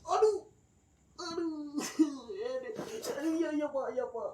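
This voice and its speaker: A man's voice: very high-pitched, slow, distant mic, heavy background noise. A man playing a whimpering thief begging for mercy. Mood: pleading. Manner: pleading, whimpering. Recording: roomy echo with faint music.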